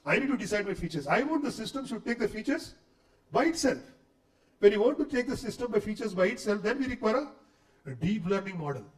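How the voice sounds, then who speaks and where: His voice is high, fast, and full of big pitch swings: a middle-aged guest lecturer with an Indian English accent, talking to faculty in a lecture hall. A cold muddies his voice, yet he stays conversational, questioning the audience and saying "okay" a lot. The recording is echoey, with the speaker distant from the mic.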